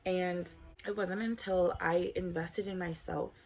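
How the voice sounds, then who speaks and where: A woman's voice: fairly low pitch, steady tone, a little slow, darkish tone. A woman in her twenties from Southern California, introducing herself in an earnest, upbeat scripted vlog. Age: 20s. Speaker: vlogger.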